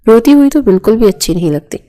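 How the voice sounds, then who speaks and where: A woman's voice: on the high side, expressive, mellow, close to an everyday voice. A woman reading the lines of a stern young husband in a storybook narration, firm and commanding. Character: stern young husband, gruff then gentle.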